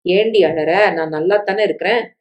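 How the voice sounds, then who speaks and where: A woman voicing a gentle older sister who talks slowly and softly, in a storybook reading. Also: fairly low pitch, close to an everyday voice. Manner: slow and soft.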